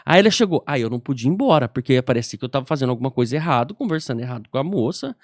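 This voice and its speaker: A Brazilian man co-hosting a church podcast, telling a personal story in lively casual chat and acting out the people in it. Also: mid-range voice, rapid-fire, no room sound, clean studio sound. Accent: Brazilian Portuguese. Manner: animated, acts out voices in his stories. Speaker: podcast co-host. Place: podcast studio.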